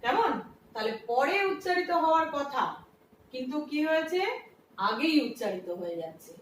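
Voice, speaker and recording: A woman's voice: high voice, sing-song, moderate pace. A woman teacher explaining a lesson step by step, asking questions and answering them herself. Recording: echoey room, from a distance, faint noise.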